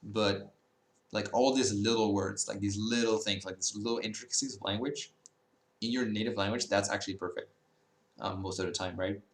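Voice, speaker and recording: Here a young Dutch YouTuber, early twenties, who makes language-learning videos, chats to the camera in a meandering way, correcting himself and filling pauses. His voice sits on the low side with a steady tone and moderate pace, echoing in a reverberant room.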